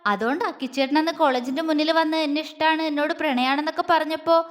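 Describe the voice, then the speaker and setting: A woman's voice: high voice, steady tone, quick pace, in a large hall, close to an everyday voice. A woman voicing a shy, innocent young woman in love, speaking sweetly and earnestly in an audio story. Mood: tender. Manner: sweet, earnest, slightly pouting.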